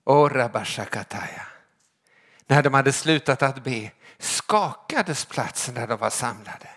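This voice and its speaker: A man preaching a sermon to his congregation, emphatic and rhetorical, often asking "right?" and swinging between loud calling out and quiet drops. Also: medium pitch, lively intonation. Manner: emphatic, rhetorical, repeating "eller hur?".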